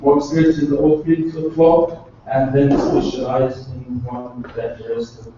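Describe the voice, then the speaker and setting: A man from Egypt, a junior judge, introducing himself haltingly to a group, heard from a distant mic in an echoey room. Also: mid-range voice, level tone, lo-fi sound, noisy background. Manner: halting, searching for words. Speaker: junior judge, course participant. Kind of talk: self-introduction.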